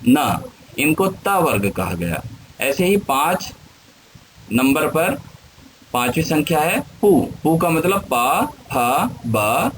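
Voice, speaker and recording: A man teaching a grammar lesson, spelling out syllables one at a time in a deliberate lecture. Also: on the high side, slight background noise, low-quality recording.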